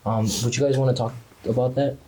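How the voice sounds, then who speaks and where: A young woman hosting a casual student podcast, relaxed and chatty, with frequent "um"s and short reactions. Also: very deep voice, fast talker, slight background noise, poor audio. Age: young adult. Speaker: podcast host.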